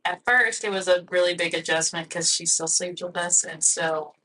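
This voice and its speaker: Woman guest, lowish pitch, crisp forceful tone, candid matter-of-fact talk, faint noise. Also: moderate pace, poor audio. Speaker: podcast guest. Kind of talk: casual chat.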